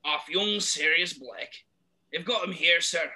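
A man voicing Hagrid, a big shaggy soft-hearted male giant who stammers tearfully in rustic speech. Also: a little high, measured pace, slightly rough, pitched above the performer's own voice, heavily acted. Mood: reporting. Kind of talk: amateur audiobook reading.

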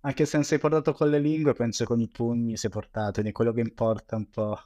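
A man with a medium-pitched voice hosts a casual interview, recorded dry with no room sound. He asks questions informally and chimes in with short encouraging remarks. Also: little pitch movement, fast, warm tone, no room sound, muffled recording. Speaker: interviewer, host.

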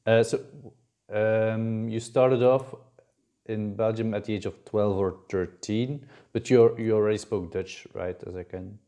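A young man hosting a podcast asks questions in a casual interview, rambling with fillers and restarts. His voice is on the low side and mellow, with fairly even intonation and a slightly slow pace.

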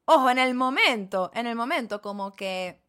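A woman co-hosting a podcast, telling stories in an animated way and laughing often. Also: on the high side, moderate pace. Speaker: podcast co-host. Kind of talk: casual chat.

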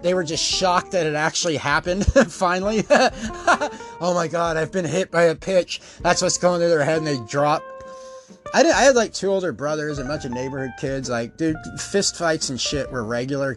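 A middle-aged man hosting a podcast, telling profane, animated stories and laughing often. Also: a little high. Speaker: podcast host. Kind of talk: casual storytelling.

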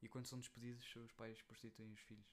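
Young portuguese dude, deadpan silly jokes, talks fast, bit of hiss. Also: male voice, mid-range voice. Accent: European Portuguese. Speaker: podcast co-host. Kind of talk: casual chat.

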